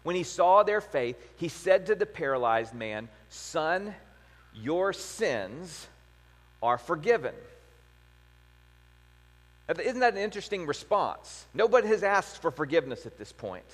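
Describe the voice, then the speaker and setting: A man's voice: sits high, sing-song, a little fast, few pauses. A man preaching a sermon, retelling a story and posing rhetorical questions to his listeners. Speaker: pastor. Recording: long hall reverb.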